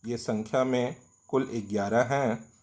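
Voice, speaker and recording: Very slow-paced male Hindi teacher. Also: medium pitch, fairly even intonation, a little mellow. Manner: slow, deliberate, stretching out example sounds. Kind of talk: grammar lesson.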